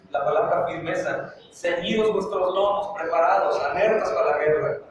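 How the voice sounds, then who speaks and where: Far-off echoing preaching man. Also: a little high. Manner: fervent preaching, rising to urgent repeated exhortations. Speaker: pastor. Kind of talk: sermon. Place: church sanctuary. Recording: very echoey church, voice from a distance, faint noise.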